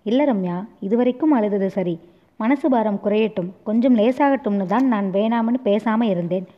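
A woman voicing a gentle grown man who patiently consoles a weeping woman, speaking softly and soothingly. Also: mid-range voice, normal speed, natural voice. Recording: dull lo-fi recording.

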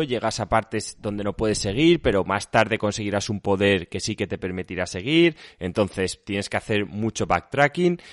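A man's voice: on the low side, no room sound, clean studio sound. A man with an Andalusian accent chatting casually about video games, emphatic and colloquial, swearing now and then. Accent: Andalusian Spanish.

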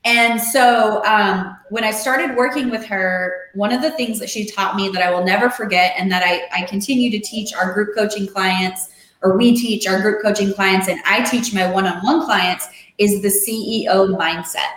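A middle-aged woman talking casually as a podcast guest, animated, acting out the voices she quotes. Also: medium pitch, normal speed, roomy sound, rough recording. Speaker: podcast guest, real estate investor and coach. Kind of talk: casual interview chat.

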